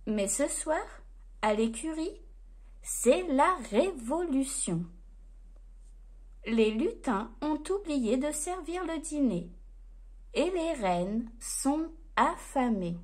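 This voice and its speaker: A woman storyteller reading a children's bedtime story aloud in a gentle, expressive way. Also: sits high.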